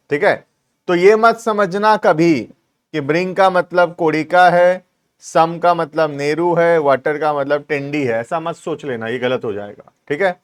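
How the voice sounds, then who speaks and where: A man teaching a video lesson, dictating English sentences word by word and often asking if it is clear. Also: a little high. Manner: keeps checking understanding with "clear?". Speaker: commerce reasoning teacher. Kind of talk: classroom-style video lesson.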